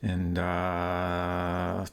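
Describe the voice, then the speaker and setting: A man's voice: sits low, completely flat delivery, very slow, smooth. A man giving casual live commentary as he streams a game.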